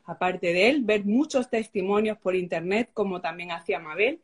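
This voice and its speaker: A woman's voice: medium pitch, moderate pace, slightly rough. A young woman giving a personal testimony, storytelling with emotion and acting out the dialogue she quotes. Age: young adult. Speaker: guest sharing a conversion story.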